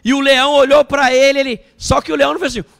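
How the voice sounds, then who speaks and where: A man, a bishop preaching a sermon at a church service. He tells the story in an animated way and puts questions to the congregation. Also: very high-pitched, very fast, creaky.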